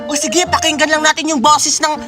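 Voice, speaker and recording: A woman's voice: sits high, brisk, natural voice. A woman voicing an eager cartoon boy. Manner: excitable, bossy. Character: eager cheerful young boy. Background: background music.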